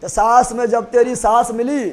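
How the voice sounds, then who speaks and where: A man's voice: very high-pitched, level tone, normal speed, darkish tone. A man teaching history to a class, repeating points, quizzing students and joking with rhymes. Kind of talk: classroom lecture with mnemonics.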